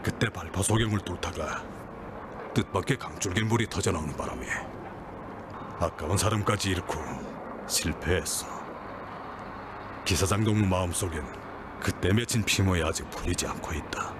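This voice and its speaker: An actor playing a calm, paternal mine director who speaks in a measured, reassuring way. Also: male voice, deep voice, noisy background, lightly acted.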